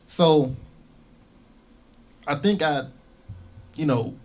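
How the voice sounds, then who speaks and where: A man's voice: on the high side, extremely slow. Rambling male musician telling stories. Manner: rambling, repeats himself, lots of "you know" and "um". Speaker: musician guest. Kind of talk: casual interview storytelling.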